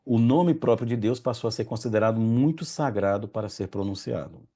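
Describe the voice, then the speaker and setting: A Brazilian man with a lowish, warm voice leads an informal religious study group at a fairly quick pace. He often stops to correct himself and admits that Hebrew names are hard for him to pronounce.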